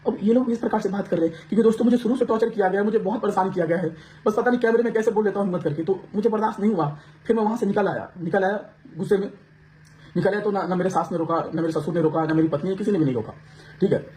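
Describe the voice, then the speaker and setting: Fast, high-voiced aggrieved man venting. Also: darkish tone, slight background noise. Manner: aggrieved, rapid outpouring with many restarts. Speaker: vlogger. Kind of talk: emotional personal account to camera.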